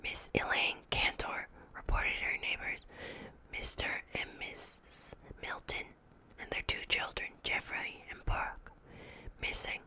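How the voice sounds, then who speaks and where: A woman reading a horror story as whispered ASMR, in a hushed, creeping, measured manner like someone giving an official report. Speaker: ASMR reader.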